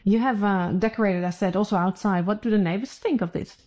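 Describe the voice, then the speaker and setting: Dutch-born woman asking friendly interview questions, lots of yeahs and mms, mid pitch. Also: fairly quick, mellow. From Netherlands. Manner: friendly, encouraging, many backchannels. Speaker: interviewer, reporter.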